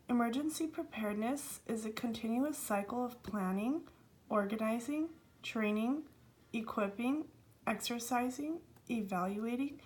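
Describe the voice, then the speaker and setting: Young woman presenting, slightly high voice. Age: young adult. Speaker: student presenter. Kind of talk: scripted class presentation with informal asides.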